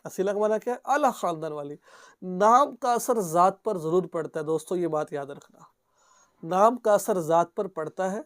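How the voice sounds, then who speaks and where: A man's voice: sits high, no room sound, studio quality. Earnest man carefully teaching names. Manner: repeats each word slowly for pronunciation, often asks "okay?"; gently advising, earnest. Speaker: Islamic cleric teaching baby names. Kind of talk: religious teaching video.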